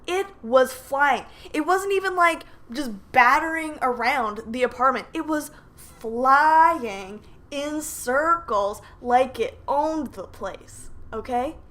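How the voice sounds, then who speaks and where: A young woman, a podcast host, telling a dramatic story in a lively, casual way with many asides, from her apartment. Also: sits high, slow pace, hardly any pauses. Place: apartment living room with sliding door open.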